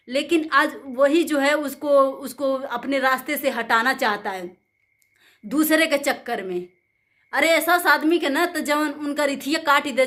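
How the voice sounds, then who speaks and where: A woman's voice: high-pitched, fairly bright tone. A woman hosting her own channel, talking indignantly and at length in a rambling, emphatic way. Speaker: channel host. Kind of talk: angry commentary vlog.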